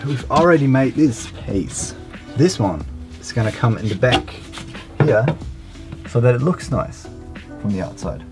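Relaxed young man vlogging in a van. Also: mid-range voice, measured pace, long pauses, over music. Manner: relaxed, chatty, many fillers. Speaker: vlogger building a camper van. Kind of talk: casual vlog walkthrough. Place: inside a camper van, small wood-panelled space.

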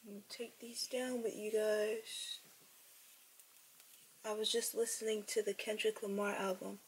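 A young woman in her twenties chats casually to her viewers in a vlog and laughs often, speaking at a measured pace in a medium-pitched, level voice. She's recorded on a camera mic held at arm's length, both in a small bedroom and outdoors on city streets, with clear background noise.

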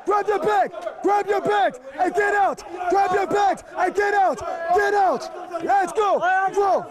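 A drill instructor shouting clipped, relentless commands at recruits. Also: male voice, very high-pitched, steady tone, slow, a loud crowd. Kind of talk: barked orders.

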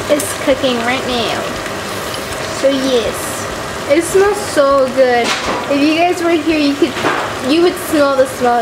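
A teenage girl with a high, bright voice chats her way through a home cooking vlog. She talks casually and eagerly, filling gaps with "like" and "um". The camera mic picks her up in a noisy kitchen with food frying nearby. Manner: chatty, upbeat, uses "like" and "um" often. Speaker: vlogger.

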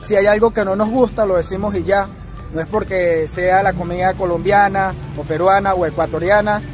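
A man's voice: high-pitched, normal speed, over music. A young man from Venezuela, hosting a casual street vlog and chatting with friends about food, filmed with a camera at arm's length outdoors. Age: young adult. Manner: lively, interviewing friends on the street. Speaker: vlogger host. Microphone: camera held at arm's length.

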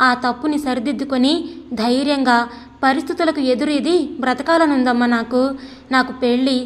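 A woman's voice: sits high, big-room sound, natural voice. A woman reading the lines of a determined young woman who speaks firmly and steadily, in a storybook reading. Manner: firm, steady.

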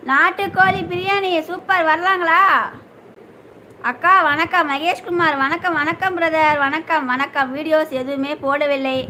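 A young woman hosts a casual live stream, her voice high and bright. She greets viewers one by one, reads their comments aloud and asks after their meals and families, over a faint hum of room noise. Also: fairly even intonation, unhurried. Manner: greets viewers by name, asks if they have eaten.

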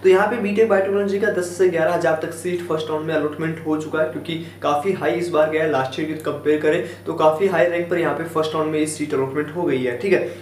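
Young man explaining in an echoey room. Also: fairly high pitch. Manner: steady, repetitive with fillers and "ठीक है". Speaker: education counselor and YouTuber. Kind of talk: explanatory talk to camera. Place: small indoor room in front of a wooden door. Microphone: camera at close range, head and shoulders framed. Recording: echoey room with faint hum.

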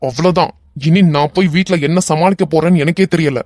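Man voicing fed-up young husband, cartoon, Kanyakumari Tamil accent, scolding, weary, fairly high voice, dry sound. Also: brisk, dry recording, close to an everyday voice. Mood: angry. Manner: sharp, scolding, then weary and worried. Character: exasperated young married man, scolding his friend. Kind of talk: animated web cartoon voice acting.

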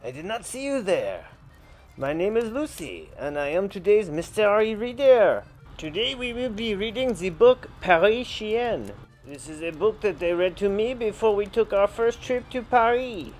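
A man's voice: sits high, very animated, moderate pace, a little mellow, soft background music, voice pushed up. A man voicing Lucy, a dog who reads a children's storybook aloud, speaking theatrically and mixing in French phrases. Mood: cheerful. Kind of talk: children's story reading in character.

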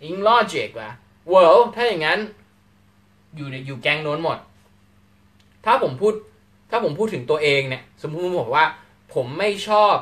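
A man teaching English grammar in a live lecture, animated and acting out short question-and-answer exchanges. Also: on the high side.

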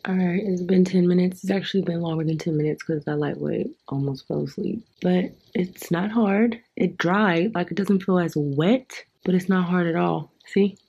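A woman's voice: on the low side, normal speed, vocal fry, hardly any pauses, warm tone, slightly rough, highs cut off. A woman chatting playfully in casual slang as she films a beauty vlog in a hotel room on a camera mic. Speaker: beauty vlogger.

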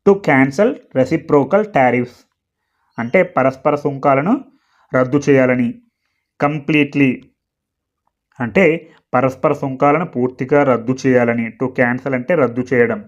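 A man teaching English as a lesson, reading English phrases very slowly and then explaining them quickly. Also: medium pitch, muffled recording. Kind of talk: explaining word by word.

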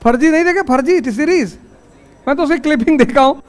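A man's voice: extremely high pitch, a little fast, faint music behind. A man teaching a civil services exam class in a classroom, lecturing in a folksy, anecdotal way full of stories.

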